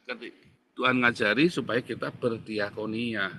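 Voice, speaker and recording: A middle-aged man preaches and tells his own story. His voice is bright and forceful, and his delivery leaps between quiet asides and loud, high exclamations. A faint hiss of noise runs beneath him. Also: steady tone, moderate pace. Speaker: pastor. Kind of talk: testimony and preaching in a Bible Q&A.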